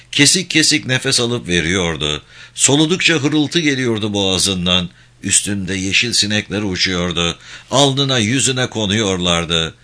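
A man narrating a war novel as an audiobook in a measured, steady way. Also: fairly low pitch.

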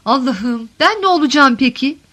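A woman's voice: high-pitched, expressive, normal speed, sharp tone, exaggerated voice. A woman voicing a middle-aged married woman who pleads tenderly and emotionally with her former lover, in an audiobook reading. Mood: pleading.

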